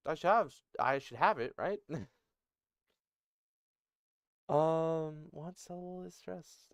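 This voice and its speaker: A conlang creator with a fairly high, clean voice thinks aloud slowly as he works on his invented language, with no room sound. He mutters, muses, and corrects himself along the way.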